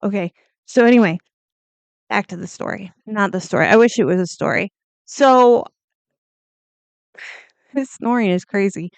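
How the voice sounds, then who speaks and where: A woman's voice: mid-range voice, unhurried, vocal fry, long pauses, no echo. A woman hosting a casual true crime video, talking bluntly and chattily, swearing now and then and drifting off on tangents.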